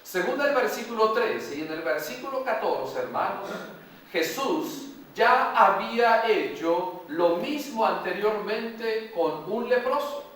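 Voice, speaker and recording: A male pastor from Mexico preaching a sermon slowly and emphatically, repeating phrases and putting questions to the congregation. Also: high voice, animated, a bit bright. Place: large church hall. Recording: echoey hall, voice from far off.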